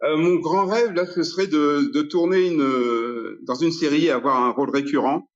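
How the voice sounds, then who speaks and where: A man being interviewed casually, answering haltingly with repeated words and weakly pronounced Rs. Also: on the high side, dull audio. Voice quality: does not pronounce his Rs. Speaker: interview guest, speaker and actor.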